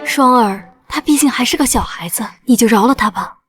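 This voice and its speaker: A middle-aged woman playing a scheming wife who coaxes her husband in a soft, gentle tone. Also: fairly high pitch, expressive, a little fast, lightly acted. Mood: false gentleness. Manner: soft, coaxing. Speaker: second wife. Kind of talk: dubbed costume drama acting.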